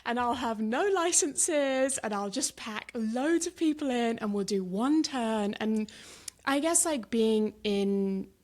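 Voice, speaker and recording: A woman's voice: a little high, slow. Chatty English woman. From south of England. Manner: animated, chatty, laughs often. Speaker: guest, supper club founder. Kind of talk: casual interview chat.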